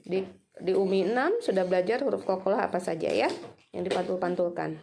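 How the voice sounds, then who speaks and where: A woman teaching students Quran recitation, speaking patiently and slowly drawing out each sound to demonstrate it. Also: lowish voice, vocal fry, a little mellow, slight background noise. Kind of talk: recorded lesson for students.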